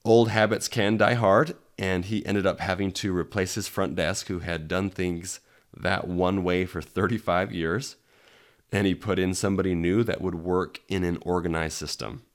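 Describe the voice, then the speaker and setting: Scratchy-voiced man, fairly low. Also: fairly even intonation, moderate pace. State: under the weather. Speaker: podcast host. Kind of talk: conversational solo podcast talk.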